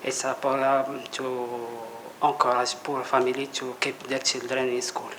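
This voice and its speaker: A man's voice: mid-range voice, completely flat delivery, measured pace, background noise. A man who is a PhD student, describing his thesis to a workshop group with careful, non-native phrasing.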